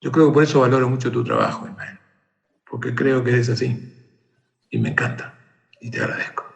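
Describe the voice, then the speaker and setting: Brisk and mid-range, with some vocal fry, this man is an interview guest narrating a story conversationally. He animatedly voices the shouted calls of the story's characters.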